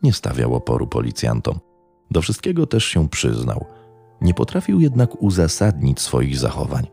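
A man narrating a scripted true-crime podcast in a grave, measured way. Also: extremely low pitch, wildly swooping pitch, creaky, mellow, breathy edge, soft background music.

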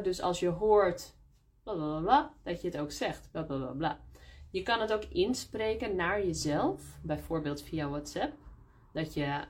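During a live-streamed Q&A lesson, a woman with a medium-pitched voice teaches Dutch, explaining slowly and repeating words in both Dutch and English. She's recorded on a phone.

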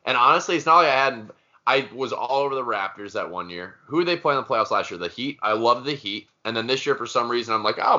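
A man's voice: mid-range voice, pushed and bright. A man co-hosting a casual sports talk show, blunt and opinionated, teasing his co-host. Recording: dull lo-fi sound.

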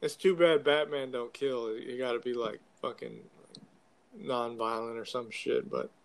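A man's voice: mid-range voice, animated, unhurried, vocal fry. A young man in casual conversation, talking like a frat bro with loose slang and plenty of swearing. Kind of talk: casual chat about video games.

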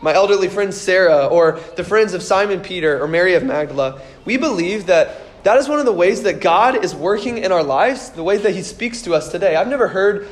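A man preaching an Easter sermon as pastor, telling the story earnestly and slowing down and softening on the key words. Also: sits high, lively intonation.

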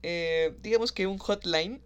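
A woman's voice: medium pitch, a bit bright. A woman with a Mexican accent, co-hosting a casual chat, joking and teasing with slang. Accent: Mexican Spanish. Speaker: podcast co-host.

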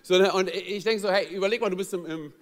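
A pastor with a high-pitched voice talks fast as he tells a funny personal story during a sermon in a church hall. Lively and joking, he acts out the voices of the people in it, and the hall's reverb rings long.

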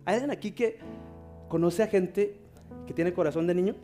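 A male pastor, preaching a sermon and praying fervently. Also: high-pitched. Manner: fervent, slows down to pray. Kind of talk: sermon with prayer. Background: soft guitar music.

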